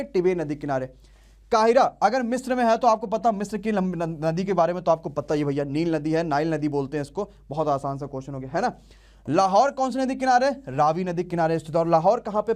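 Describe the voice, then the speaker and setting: A man's voice: sits high, a little mellow. A young man teaching an online exam-prep class, quizzing students and drilling answers call-and-response style.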